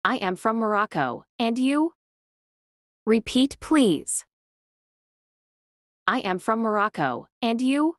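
A woman teaching beginners, reading each short phrase with great care. Her delivery is extremely slow and her pitch swings widely from phrase to phrase. The sound is dry and close with no room echo. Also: very animated. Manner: reads each short phrase slowly and clearly, with long pauses. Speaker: English teacher. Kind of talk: slow phrase drills for learners.

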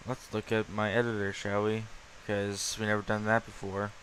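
A young man casually talking through things on his computer screen, rambling with lots of ums and pauses. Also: lowish voice, completely flat delivery, a bit bright, slight background noise, poor audio. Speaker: YouTuber showing his desktop. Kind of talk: casual screen-recording chat.

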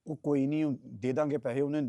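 A man plays a sheepish grown son dodging his mother's questions. He talks fast and keeps trying to placate her. The sound is dry and close. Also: a little high, fairly even intonation, mellow, no room sound, lightly acted. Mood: evasive. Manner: evasive, placating. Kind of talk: comedy skit acting.

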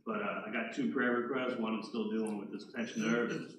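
A man's voice: on the low side, steady tone, fairly quick, background noise. A man earnestly sharing prayer requests in church. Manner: earnest, plain-spoken. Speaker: congregation member. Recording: roomy, distant, murmuring congregation.

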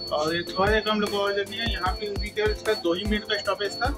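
A young man with a fairly high voice narrates a train trip into a phone held at arm's length. He talks in a chatty, step-by-step way, and loud music plays under his voice. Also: fairly even intonation, fast. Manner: chatty, explains step by step with many fillers. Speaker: travel vlogger. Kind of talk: casual travel vlog narration. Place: on a train and station platforms, indoors and out. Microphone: phone camera at arm's length.

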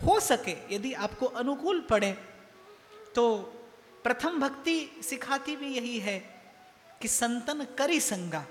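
Male spiritual speaker, slow deliberate delivery, emphatic repetition; temple hall with long reverb. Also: extremely high pitch, expressive. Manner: slow, emphatic, repeats phrases for effect. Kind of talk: devotional sermon. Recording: long hall reverb, faint music behind.

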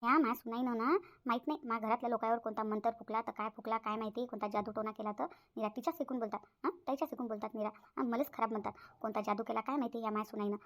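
A woman's voice: fairly high pitch, fairly even intonation, racing, slight background noise, close to an everyday voice. A woman voicing a grumbling mother-in-law. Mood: suspicious. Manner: complaining, repeats herself. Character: grumbling older mother-in-law, bossy and resentful. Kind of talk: cartoon voice acting.

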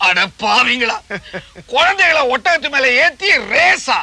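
An actor playing an earnest do-gooder in a comic stage play, protesting and pleading against a villain. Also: male voice, extremely high pitch, sing-song, unhurried, vocal fry, bright, forceful tone, no echo, exaggerated voice. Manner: indignant, pleading, exclaiming in protest.

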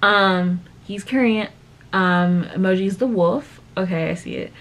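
The eighteen-year-old vlogger, at home indoors, reacts casually to a video whose music plays in the background, laughing often and addressing viewers as "y'all." Her voice sits at a medium pitch and moves a little slowly.

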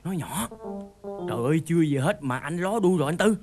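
An actor playing a sly, scheming male friend in a stage comedy, talking in fast, wheedling patter. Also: fairly high pitch, expressive, lightly acted. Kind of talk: stage comedy skit acting. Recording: loud backing music on stage.

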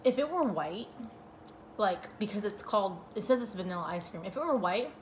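A woman's voice: medium pitch, animated, a little fast, a little hiss or hum. A woman co-hosting a casual food review, talking while eating and picking her words carefully. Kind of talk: casual chat.

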